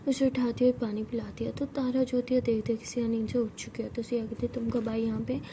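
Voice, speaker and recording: A woman's voice: on the high side, level tone, fast, mellow, a little hiss or hum. Conversational woman storyteller. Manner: conversational, repeats "so she says". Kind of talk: storytelling narration.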